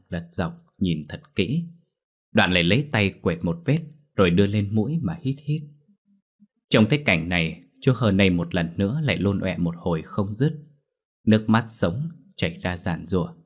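Deep, husky man narrating a horror tale. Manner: steady, dramatic reading. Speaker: storyteller.

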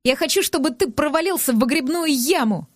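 A hot-tempered young woman snaps and shouts in a high, indignant voice, as a woman reading the audiobook puts her on. The sound is dry and close to the mic. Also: animated, a little fast, no echo. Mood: furious. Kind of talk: audiobook character voice.

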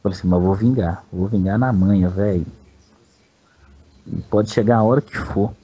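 Here the Brazilian storyteller sounds warm and somewhat low, with a breathy edge and a moderate pace, though the recording is muffled. His personal anecdote wanders, crude and slang-filled, with "velho" dropped in constantly.

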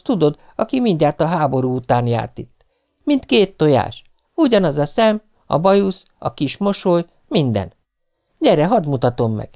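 An exasperated middle-aged wife with a sharp tongue, put on by a man reading a novel aloud. Her voice sits well above the reader's own and leaps about as she scolds. She sounds like a storybook spouse who does all the work. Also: creaky. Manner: scolding, shrill when angry.

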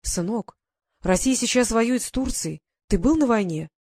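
A woman's voice: fairly high pitch, animated, a little slow, breathy edge, no room sound, clean studio sound, heavily acted. Woman voicing a fond widowed baroness mother. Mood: tender. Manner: gentle, motherly questioning.

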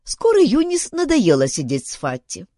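A woman narrating a children's detective story in an expressive reading voice. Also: mid-range voice, moderate pace, no echo, clean studio sound. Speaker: audiobook narrator.

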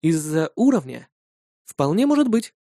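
A man narrates a fantasy tale in the first person, with an even storytelling delivery. His voice is dark and mellow, a little raised in pitch. The recording is dry. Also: a little slow, no room sound. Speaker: audiobook narrator.

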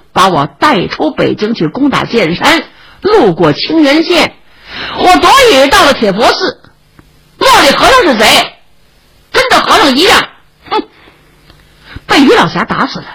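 A woman voicing a kind, chatty young male swordsman who coaxes and brags, with a raspy voice. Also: high-pitched, big pitch swings, unhurried, a bit bright, voice pushed up, heavily acted, rough recording. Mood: boastful. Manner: coaxing, chatty, a bit boastful.

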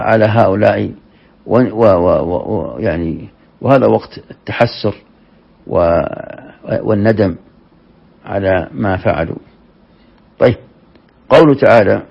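Gravelly low-voiced man teaching scripture. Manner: measured, explanatory, with restarts and scripture quotes. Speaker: Quran commentary teacher. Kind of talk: classroom exegesis lesson. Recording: dull lo-fi lecture recording.

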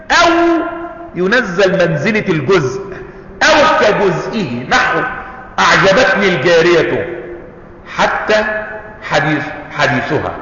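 Egyptian male teacher, fairly high voice, questions the class as he explains a text, lo-fi noisy hall recording. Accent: Egyptian Arabic. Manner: reads the text aloud, then explains it in colloquial speech with questions to the class. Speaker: Islamic jurisprudence teacher. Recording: echoey hall, dull lo-fi, noisy.

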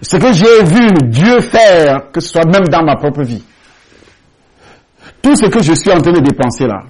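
A man's voice: sits high, darkish tone, slightly rough, rough recording. A man preaching a sermon as pastor, telling a testimony in an emphatic storytelling manner and repeating key phrases for weight. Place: large rented church hall.

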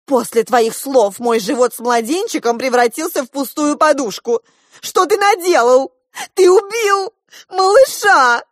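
Lady reading a storybook doing a shrill weepy young woman, high and yelling, dry close sound. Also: expressive, measured pace, dry recording, natural voice. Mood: shrill angry. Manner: shrill, cries out angrily. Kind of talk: audiobook reading.

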